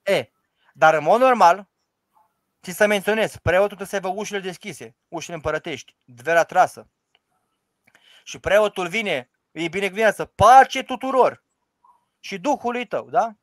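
A man's voice: high voice, long pauses, a bit bright, dry recording. A man who is an Orthodox priest, explaining the liturgy in an emphatic, rhetorical way and quoting its prayers aloud. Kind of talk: informal teaching discussion.

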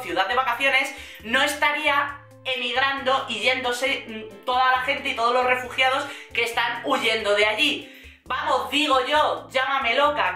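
A woman with a Spain Spanish accent gossips through a reality show recap, sarcastic and animated. Her voice is bright and a little high. It rings with a roomy echo, with faint music underneath. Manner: sarcastic, animated, acts out quotes.

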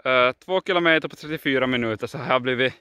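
Chatting casually into his handheld camera, a young adult vlogger with a Finland Swedish accent films outdoors among lakes and forest. His medium-pitched voice is clean with no echo, but the windy action-camera audio is dull and heavily noisy.

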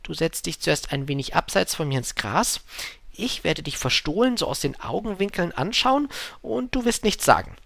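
A man voicing a talkative, wistful male fox in an audiobook, speaking up with a lively, pleading tone. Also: fairly high pitch, normal speed, vocal fry, no echo, pitched above the performer's own voice, exaggerated voice. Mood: earnest. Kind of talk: audiobook reading.

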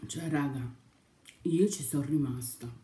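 A woman's voice: rumbling low, a little slow, mellow. A young woman chatting casually on her vlog over breakfast, rambling and sometimes talking with her mouth full. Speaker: YouTuber. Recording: echoey room.

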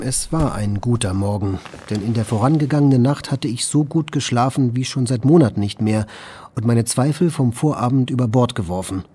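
Watson, played by a man, mellow narrator. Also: medium pitch, slightly rough, lightly acted. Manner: polite, reflective storytelling. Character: Watson, polite male doctor and narrator. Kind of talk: audio drama narration.

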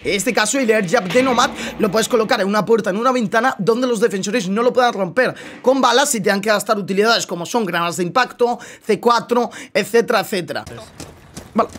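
A young male streamer with a notably high-pitched voice and a Castilian Spanish accent. He talks casually over his gameplay, explaining and reacting as he goes. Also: brisk, fairly bright tone. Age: young adult. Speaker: gaming streamer.

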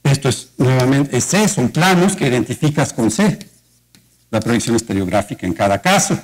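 Heard on a low-quality recording, a mathematics lecturer with a Mexican Spanish accent addresses a university colloquium in an auditorium at a normal speed. His medium-pitched voice has lively intonation as he explains step by step and asks the audience rhetorical questions.

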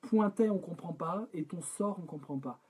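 A man's voice: high-pitched, breathy edge. French man working out song lyrics aloud. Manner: sings lines over guitar, then breaks off to talk quickly and softly about syllables. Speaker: songwriter leading a live collaborative session. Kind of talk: singing drafts and talking through lyric edits with chat. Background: guitar.

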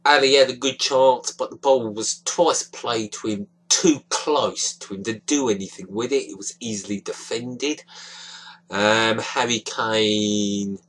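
A man's voice: on the low side, steady tone, a little slow, fairly bright tone, rough recording. A young man giving a frustrated, disappointed football match reaction into a webcam in a small dim room. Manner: frustrated, disappointed, gestures a lot with hands. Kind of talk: casual webcam commentary. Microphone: webcam at close range.

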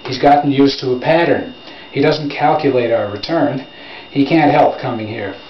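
A man's voice: mid-range voice, moderate pace, slight background noise, natural voice. A man voicing a dry, patient scientist father who explains things to his son. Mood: explaining. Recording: roomy, dull lo-fi home recording.

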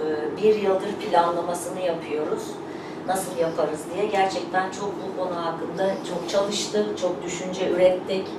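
A woman's voice: fairly low pitch, fairly even intonation, unhurried. A woman hosting an event, giving an informal thank-you speech in an earnest, emphatic, repetitive way. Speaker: company representative hosting a showroom opening. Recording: echoey room, distant mic, noisy background.

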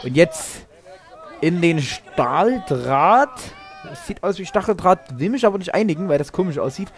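Male wrestling commentator with a high voice, sarcastic and joking, mock-indignant. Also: animated, moderate pace, soft background music.

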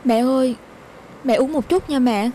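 An actress playing a worried young daughter, coaxing and pleading. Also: female voice, high-pitched, normal speed, mellow, slight background noise, close to an everyday voice, rough recording.

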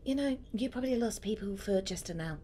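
A woman voicing a bubbly, bossy young woman who teases loudly in a comedic gaming role-play. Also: lively intonation, quick pace, slight background noise, lightly acted. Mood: teasing. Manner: high, loud and teasing.

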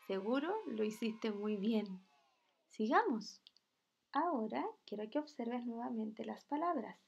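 A woman teaching a children's video lesson, reading words slowly and carefully. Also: on the high side, vocal fry, darkish tone, breathy edge.

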